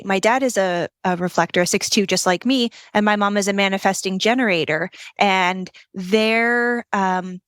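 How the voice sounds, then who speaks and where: Female guest; thoughtful, measured delivery, medium pitch, dry recording. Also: fairly bright tone, clear, resonant tone, dry recording. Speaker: interview guest. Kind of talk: casual interview chat.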